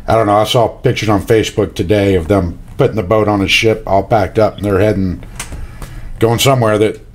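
A middle-aged man hosts an interview from home, speaking into a headset. His voice is on the low side, and he rambles along easily with many uhs. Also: fairly even intonation, fairly quick. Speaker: podcast host. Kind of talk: video call interview. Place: home room, indoors.

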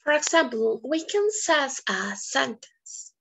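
A woman teaching English grammar in a pre-recorded lesson, explaining slowly and drilling English words one at a time, with Spanish as her first language. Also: sits high, sing-song, creaky, a bit bright.

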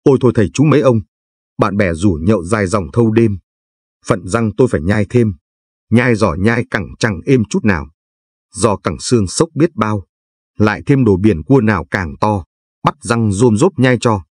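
A man voicing a gentle talking tooth that softly chants advice in verse to an old man, with a husky, low voice. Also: lively intonation, moderate pace, dry recording, clean studio sound. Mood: pleading. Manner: soft sing-song verse chanting.

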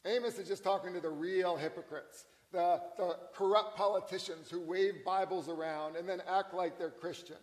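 Male pastor preaching, high voice, talky but emphatic, long church-hall reverb. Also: fairly even intonation. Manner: conversational, emphatic preaching with slowed key lines. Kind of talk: sermon.

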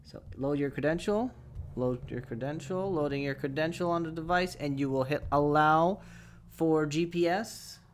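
This young man speaks at a normal speed in a voice on the high side. He's presenting a chatty, step-by-step tech tutorial, explaining each part and regularly checking in with his audience. The recording comes from a close desk mic in a small home studio fitted with acoustic foam.

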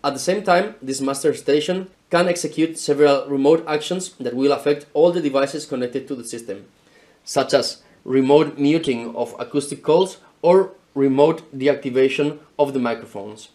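A thirty-something Spanish man presents equipment in an indoor showroom, picked up by a camera mic at medium distance. His medium-pitched voice is a little mellow and moves at a moderate pace. As a product presenter, he speaks in a careful, explanatory, scripted way.

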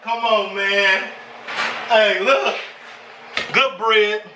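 An American man in his thirties from Chicago hosts an animated cooking vlog in a small home kitchen, chatting casually, excitedly and boastfully in slang. His voice is high-pitched and very slow, picked up by a camera handheld or on the counter in an echoey, clearly noisy room.

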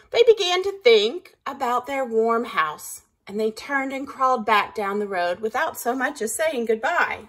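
Slow, husky-voiced woman reading a picture book. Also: a little high. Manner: patient, pausing to count along. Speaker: teacher reading aloud.

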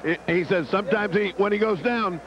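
A man's voice: high voice, brisk. An older American man working as a boxing analyst and interviewer, explaining the fight. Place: boxing ring in a crowded arena. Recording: very noisy dull tape, loud crowd.

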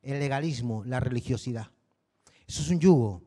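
A pastor with a Canary Islands accent preaching a sermon in a conversational way, often checking in with the congregation. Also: male voice, medium pitch, normal speed, dark tone, big-room sound. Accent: Canary Islands Spanish. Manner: conversational preaching, peppered with rhetorical tags.

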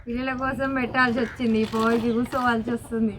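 A woman's voice: a little high, flat delivery, fast talker, heavy background noise. A woman with a Telangana accent, chatting casually in a vlog while cooking outdoors and teasing her children. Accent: Telangana Telugu. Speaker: vlogger and mother. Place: outdoors by a smoky wood fire in the sun.

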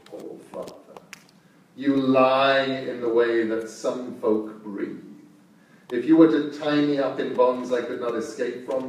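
A man's voice: medium pitch, a little mellow, slight background noise, natural voice. A man voicing a huge, proud male wolf who speaks with growling, suspicious defiance. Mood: defiant. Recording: echoey room, distant mic.

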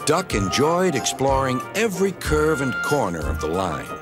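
A man narrating a children's train story in a gentle, expressive storytelling manner. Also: mid-range voice, moderate pace. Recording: narration over music.

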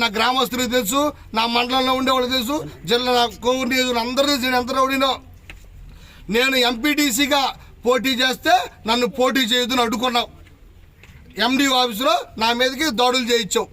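A man who is a local elected official, furiously shouting insults and challenges at a press conference. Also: extremely high pitch, little pitch movement, fast talker. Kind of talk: angry press conference tirade. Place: press meeting.

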